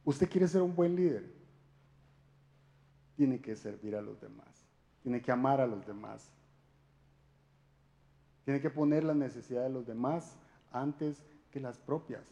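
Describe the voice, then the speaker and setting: A man's voice: medium pitch, measured pace, long pauses, dark tone. A man giving a conversational sermon talk, speaking directly to his listeners with frequent rhetorical questions. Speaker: church speaker.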